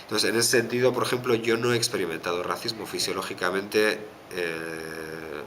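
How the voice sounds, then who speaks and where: A man from the Basque Country with a Basque Spanish accent, answering interview questions thoughtfully with many pauses and fillers. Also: low voice, fairly bright tone. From Basque Country, Spain. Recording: background noise.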